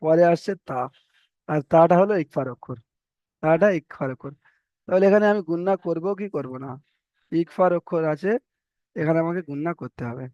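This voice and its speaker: High-voiced man teaching Quran reading. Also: a little mellow, no echo, lo-fi sound. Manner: spells letters and vowel marks aloud, then draws out the chanted word slowly. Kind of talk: spelled-out recitation lesson.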